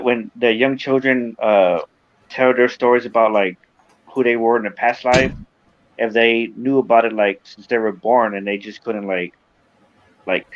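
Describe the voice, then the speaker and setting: A man chatting casually as a co-host, halting and searching for his words. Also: medium pitch, highs cut off. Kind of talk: casual chat.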